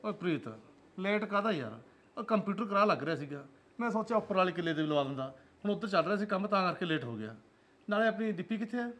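Stern Punjabi village father, gruff and commanding, played by a man; brisk, higher-pitched delivery. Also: expressive. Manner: gruff, commanding, softens to pleading. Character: stern village father, strict about daughter's honor. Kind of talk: village drama acting.

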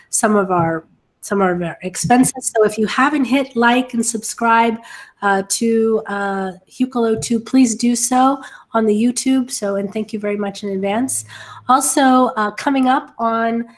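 A woman's voice: a little high, steady tone, a little slow. A middle-aged woman hosting a casual webinar over a video call, sounding a little short of breath from bronchitis. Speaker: webinar host. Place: home office, indoors, on a video call.

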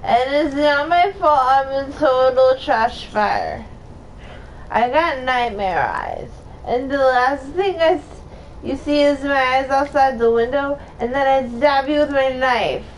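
A woman's voice: high voice, lively intonation, takes it slowly, a little hiss or hum, low-quality recording. A woman playfully reading video game dialogue aloud, slipping into put-on voices.

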